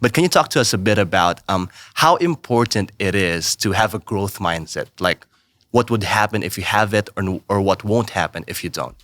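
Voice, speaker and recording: Podcast host guy, low-ish voice, hypes his guest up a lot, dry close sound. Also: lively intonation, moderate pace, fairly bright tone, no room sound. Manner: enthusiastic, affirming, with frequent hesitations. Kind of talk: podcast interview.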